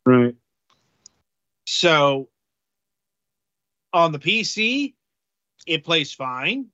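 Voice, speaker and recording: A man co-hosting a casual game-review podcast, talking haltingly with many fillers. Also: fairly high pitch, sing-song, sharp tone, no room sound, dull audio. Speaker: podcast co-host reviewing games.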